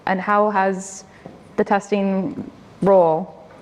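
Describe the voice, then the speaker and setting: A woman's voice: medium pitch, fairly even intonation, takes it slowly. A woman with a Canadian accent moderating a conference panel, upbeat and joking at her own expense. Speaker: panel facilitator. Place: conference hall. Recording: long hall reverb.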